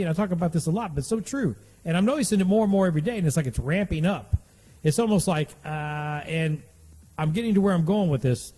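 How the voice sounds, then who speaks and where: A man in his late fifties talks through his podcast in a loose, folksy ramble, circling back and repeating phrases. His voice sits a little high for a man. The sound rings with a long reverb. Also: darkish tone. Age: 50s. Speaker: podcast host. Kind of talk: casual monologue podcast.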